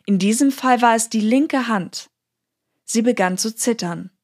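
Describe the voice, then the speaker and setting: A woman telling a historical account in calm, measured scripted narration. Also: on the high side.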